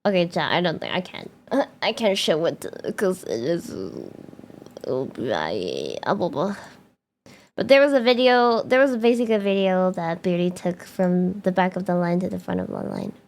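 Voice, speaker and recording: A young woman streaming live, chatting casually with her viewers, excitable, laughing often and swearing freely. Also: fairly low pitch, normal speed.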